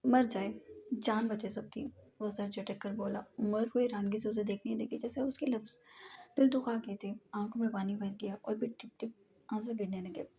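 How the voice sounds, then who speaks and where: A woman narrating a romance audio novel in steady storytelling style. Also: medium pitch, moderate pace.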